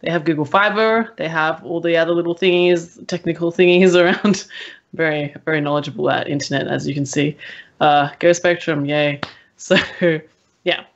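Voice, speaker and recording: A woman's voice: sits low, fairly even intonation, normal speed, muffled recording. A woman co-hosting an esports talk show, chatty and self-mocking in casual panel chat. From Australia.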